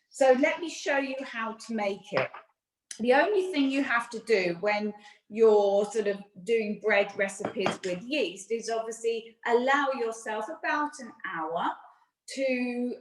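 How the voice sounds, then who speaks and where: A woman's voice: fairly high pitch, reverberant, low-quality recording. A British woman chef and nutritionist giving a friendly, chatty cookery demonstration from her home kitchen, explaining each step.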